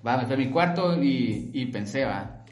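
A man's voice: medium pitch, normal speed, slight background noise. Young man telling a story. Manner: animated, acts out quoted dialogue. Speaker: podcast host. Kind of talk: casual storytelling chat. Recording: roomy echo.

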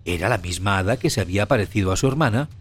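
A man narrating a fairy tale with an expressive storytelling cadence. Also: lowish voice, rapid-fire, slightly rough. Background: faint music.

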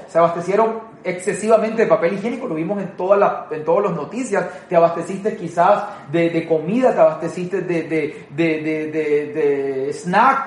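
A man's voice: sits high, roomy sound. A man preaching an online Palm Sunday sermon, earnest and emphatic, often repeating words as he starts a phrase. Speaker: pastor.

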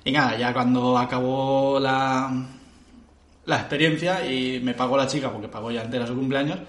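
A man's voice: medium pitch, normal speed, roomy sound. A man from who runs escape rooms, telling stories in a casual podcast chat and acting out his customers' lines. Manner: animated storytelling, acts out customers' lines. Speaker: escape room game master.

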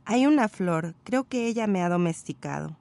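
A woman voicing a curious, gentle little boy prince while reading a story aloud. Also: mid-range voice, expressive, moderate pace, creaky. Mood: thoughtful.

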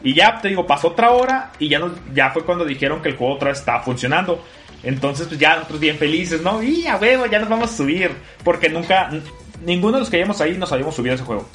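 A man's voice: a little high, lively intonation, fast, a bit bright, faint music behind. A man telling a story in casual podcast chat, swearing freely. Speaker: podcast co-host.

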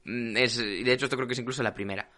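A man's voice: mid-range voice, fairly even intonation, racing, sharp tone. A man, co-hosting a podcast in casual chat, rambling with lots of fillers and restarts.

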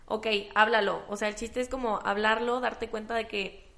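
Woman panelist, fairly high pitch, measured, code-switches into English. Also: steady tone, vocal fry, fairly bright tone. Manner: measured, mixes in English phrases. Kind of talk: casual panel talk.

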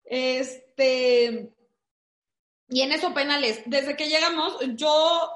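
Speaking slowly in a high register, this woman spins an animated, filler-heavy story during a relaxed chat. Her accent is Mexican Spanish, and the recording echoes.

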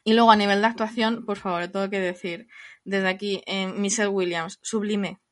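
A woman discussing a film in casual conversation, animated and acting out quoted lines. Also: mid-range voice, moderate pace. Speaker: film podcast co-host.

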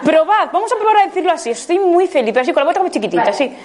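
Lively high-voiced Spanish workshop leader. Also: female voice, rapid-fire. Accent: Spain Spanish. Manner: lively, coaxing, asks the group questions; bursts into laughter exercises, loud "ja" calls. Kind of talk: leading a live group workshop.

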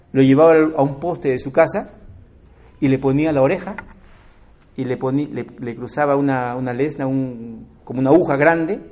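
A man preaching a sermon, shifting between loud emphatic lines and quiet asides and often asking his listeners direct questions. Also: medium pitch.

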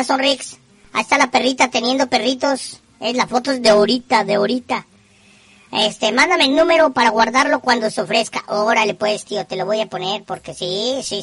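Bright, high-pitched northern Mexican woman. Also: moderate pace, no room sound. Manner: teasing, profane. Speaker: host of a call-in show. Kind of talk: casual slangy live chat.

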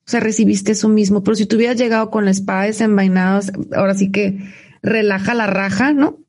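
A woman with a Mexican accent speaks with a gravelly edge. She rushes through thoughts in quick bursts and restarts her sentences often. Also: medium pitch, fairly even intonation, a little mellow. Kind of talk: reflective conversation.

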